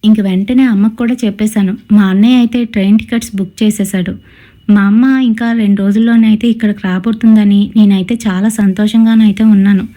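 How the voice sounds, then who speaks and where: Woman telling a ghost story, mellow voice. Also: mid-range voice, a little fast. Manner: steady storytelling with quoted dialogue. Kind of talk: first-person horror story narration.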